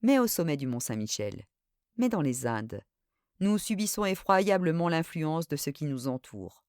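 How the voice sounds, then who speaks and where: A woman reading a literary story aloud in an expressive, dramatic way. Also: low voice, normal speed, dry recording, studio quality. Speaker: audiobook reader.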